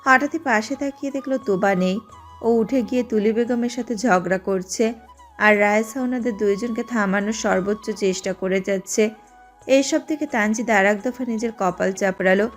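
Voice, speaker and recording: A woman giving steady, scripted narration of an audio drama. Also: mid-range voice, normal speed, soft background music. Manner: steady storytelling.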